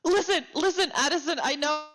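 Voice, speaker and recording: A woman's voice: high-pitched, steady tone, rapid-fire, pitched above the performer's own voice, close to an everyday voice. A woman voicing a panicky young female office intern who stammers apologies in a tabletop role-play. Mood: flustered.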